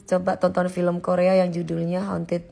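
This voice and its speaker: Live-stream host, woman, 40s, gravelly fry, chatty and emphatic. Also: lowish voice, monotone, normal speed, mellow. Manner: chatty, emphatic, answers comments directly. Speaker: live-stream host reading viewer comments. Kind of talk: casual live-stream chat.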